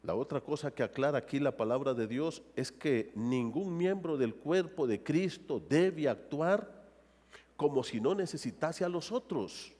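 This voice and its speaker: A male pastor delivers a sermon with lively, swinging intonation, often tossing rhetorical questions to his congregation. His voice sits a little high for a man. The sound carries the long reverb of a church sanctuary. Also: measured pace.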